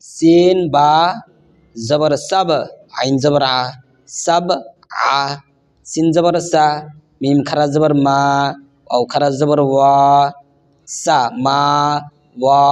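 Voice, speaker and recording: A man with a Bangladeshi Bengali accent teaches Quran reading at a very slow, deliberate pace. He spells each syllable aloud, then sings the word back in a slightly raised voice. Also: on the high side, fairly even intonation, darkish tone. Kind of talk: slow spelling-out recitation lesson.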